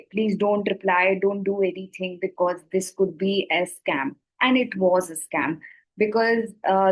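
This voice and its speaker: A woman's voice: mid-range voice, low-quality recording. A woman with an Indian accent gives a conversational explanatory talk as an educator, acting out short example remarks and checking in with "right?". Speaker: scam awareness educator.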